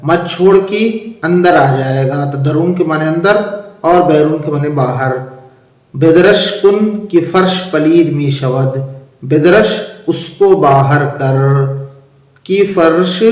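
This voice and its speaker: Brief: male teacher, slightly raised pitch, patient line-by-line textbook explanations, recorded in a reverberant room. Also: a little mellow. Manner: patient explaining, asks questions and answers them himself. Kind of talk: classroom-style lesson, reading and translating a textbook line by line.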